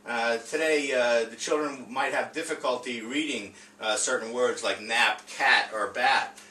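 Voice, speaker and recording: Recorded at a distance in a roomy room with faint noise, a male teacher walks through a read-aloud lesson on reading and phonics, casual and unscripted. He speaks in a sharp, mid-range voice. Hesitation marks his speech: he repeats himself in stammers and keeps checking in with tag questions.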